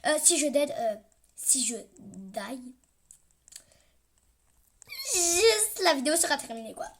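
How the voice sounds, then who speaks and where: A young woman with a high, sharp voice gives casual gameplay commentary, theatrical in her complaints and sinking into quiet mutters between outbursts. A faint hiss sits under her desk-mic recording. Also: big pitch swings, slow pace. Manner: chatty, dramatic complaining, often drops to a mutter. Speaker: gaming vlogger.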